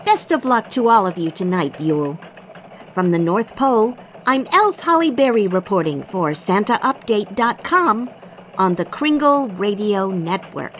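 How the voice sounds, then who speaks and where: A woman's voice: medium pitch, big pitch swings, a little slow, a little hiss or hum. A woman playing a cheerful elf news anchor in a mock radio newscast, with polished, upbeat delivery. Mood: bright.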